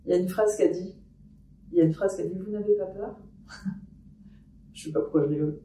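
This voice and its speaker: A woman's voice: on the low side, warm tone, far from the mic. Hesitant woman, echoey and off-mic. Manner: hesitant, full of pauses and restarts. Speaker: paranormal investigator. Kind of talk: paranormal experiment vlog, thinking aloud. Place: room in her house.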